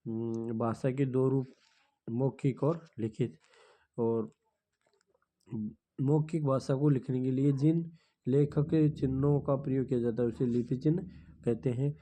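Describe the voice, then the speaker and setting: A man's voice: medium pitch, steady tone, measured pace, pauses often, warm tone. A man teaching a grammar lesson, explaining step by step and counting items aloud, with frequent hums and check-ins. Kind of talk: slow classroom explanation of grammar.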